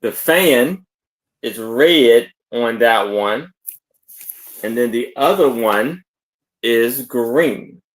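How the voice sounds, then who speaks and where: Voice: medium pitch, animated, extremely slow, pauses often. A speaker describing items on a casual live sale, stumbling and hesitating over words.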